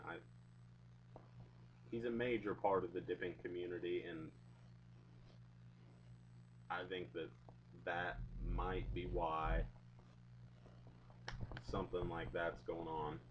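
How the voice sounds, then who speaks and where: A young man with a low voice rambles casually to his camera, taking his time between phrases. He talks in laid-back slang, like a home video blogger. The webcam sound is dull, with some hum behind him. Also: steady tone, slow pace, pauses often. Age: young adult. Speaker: video blogger reviewing products. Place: small indoor room at home. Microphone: webcam or laptop mic at arm's length.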